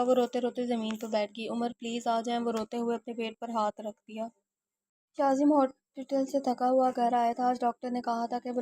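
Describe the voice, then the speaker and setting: A woman reading a romance novel aloud as narrator in steady storytelling. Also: on the high side, no echo. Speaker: audiobook narrator.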